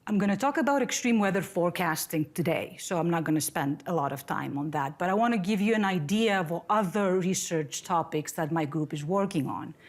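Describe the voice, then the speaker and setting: A woman's voice: fairly low pitch, animated, brisk, hardly any pauses. A middle-aged woman from Greece giving an academic seminar talk in a conversational, friendly way, with fillers and restarts, at a podium in a lecture room. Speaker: seminar speaker, professor.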